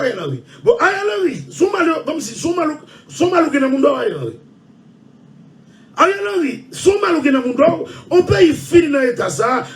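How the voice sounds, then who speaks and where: A Haitian man hosting his own show, delivering a loud, repetitive rant with frequent shouting and laughter. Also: extremely high pitch, distant mic. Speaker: show host. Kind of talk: ranting monologue.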